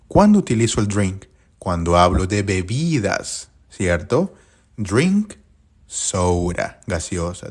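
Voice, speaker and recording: A man's voice: on the low side, slightly rough. A man teaching English grammar in a live-streamed lesson, constantly asking viewers questions and repeating their answers back.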